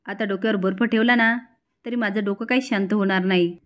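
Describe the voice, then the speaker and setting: A woman's voice: mid-range voice, fairly even intonation, fairly quick, natural voice. A woman reading the lines of a proud, angry young woman who scolds her family. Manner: scolding, sharp retorts.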